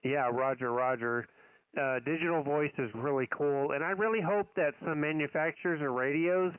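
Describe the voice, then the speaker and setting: Male radio amateur, casual talk, clear resonant voice, thin phone-like radio transmission. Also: on the high side, no echo. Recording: dry, phone-like narrowband radio audio.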